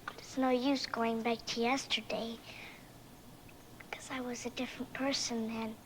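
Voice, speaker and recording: A woman's voice: extremely high pitch, animated, normal speed, bright, forceful tone, slight background noise, heavily acted. A woman playing an earnest, plucky young girl in a storybook drama. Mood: curious. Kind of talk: dramatized children's story album.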